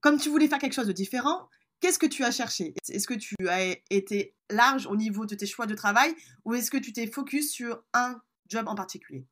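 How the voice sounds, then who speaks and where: A woman's voice: on the high side, brisk, a bit bright. A French woman hosting a podcast, asking questions in a casual interview and backing the guest with short replies. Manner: encouraging, with frequent short backchannels. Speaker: podcast host.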